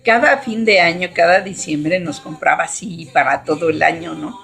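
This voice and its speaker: A woman's voice: lowish voice, normal speed, vocal fry, a bit bright, breathy edge, soft background music. A middle-aged woman gives an earnest religious testimony, often ending her phrases with tag questions. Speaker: testifying believer.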